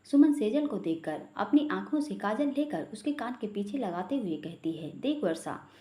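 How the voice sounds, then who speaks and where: A woman reading a family story aloud in a steady, expressive way. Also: mid-range voice, moderate pace. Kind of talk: scripted story narration. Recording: roomy echo.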